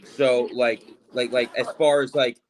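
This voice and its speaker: A man chatting casually as an athlete, in a halting, repetitive way with lots of filler words. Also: medium pitch, fairly even intonation, crowd noise. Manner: halting, repeats himself, fills with "like". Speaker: arm wrestling competitor. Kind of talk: casual chat on a live stream.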